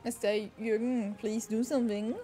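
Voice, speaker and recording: A woman streaming a game, chatting casually, excitable and swearing freely as she reads game text aloud. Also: a little high, moderate pace. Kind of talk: casual gaming chat. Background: faint game music.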